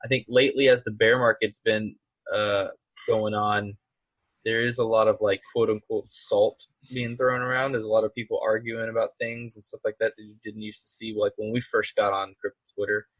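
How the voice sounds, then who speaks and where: Bright-voiced man chatting casually. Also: on the low side, flat delivery, moderate pace, dry recording. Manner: rambling, frequent restarts and fillers. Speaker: podcast co-host. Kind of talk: casual chat.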